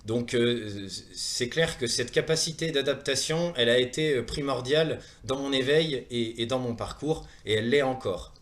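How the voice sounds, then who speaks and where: With a mid-range, fairly bright voice and an accent from France, a man in his thirties hailing from Saumur, Maine-et-Loire, presents a wellness training programme. The presentation is semi-prepared, and his earnest, hesitant manner shows in frequent pauses and word repetitions.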